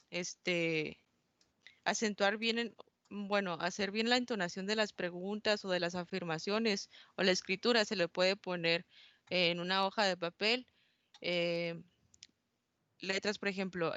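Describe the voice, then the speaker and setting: A woman's voice: mid-range voice, fairly bright tone, clean tone, no room sound. Hesitant young woman giving a class talk. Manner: hesitant, many fillers and self-corrections. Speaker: student presenter. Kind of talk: class presentation on aphasia. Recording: dull, dry close recording.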